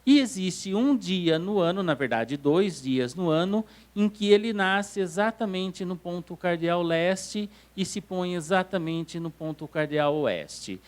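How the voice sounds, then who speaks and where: A man's voice: sits high, lively intonation, unhurried, hardly any pauses. Brazilian man giving an astronomy lecture. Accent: Brazilian Portuguese. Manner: explanatory, checks understanding with "tá certo?". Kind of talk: classroom lecture. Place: council hall lecture room.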